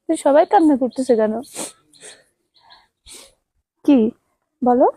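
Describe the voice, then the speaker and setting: A woman in a vlog, gently coaxing and comforting crying children in a motherly way, then speaking to viewers. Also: sits high, a little fast, vocal fry, dry recording, rough recording. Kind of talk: emotional vlog address.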